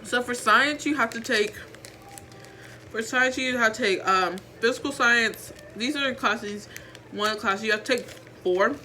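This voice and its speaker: Chatty teenage girl with a bright voice. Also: fairly high pitch, a little slow, a little hiss or hum. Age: teens. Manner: rambling, chatty, self-mocking. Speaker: vlogger. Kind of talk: casual chat. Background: faint background music.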